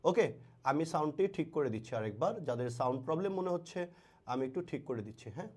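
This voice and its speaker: A male tutor with a high, very animated voice, speaking. He runs a live online class in a playful, coaxing way and calls his students by name. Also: fast talker, husky.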